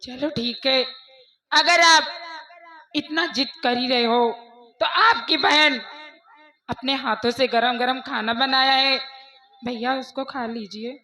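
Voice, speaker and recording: धीमी, मनाती हुई बहन, महिला द्वारा. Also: female voice, high voice, fairly even intonation, slow pace, long pauses, exaggerated voice. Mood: coaxing. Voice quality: soft, coaxing. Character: gentle, caring young sister. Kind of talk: live folk stage theatre. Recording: echoey stage.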